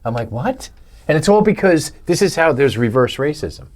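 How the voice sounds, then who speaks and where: A man's voice: on the high side, sing-song, brisk, darkish tone. A middle-aged man hosting a podcast, joking with wry asides in casual chat. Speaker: podcast host.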